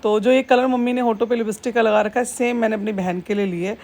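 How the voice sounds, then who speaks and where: A woman's voice: a little high, steady tone, fast talker, a little mellow. A woman vlogging in a casual, chatty way, talking straight to her viewers as friends. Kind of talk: casual vlog chat.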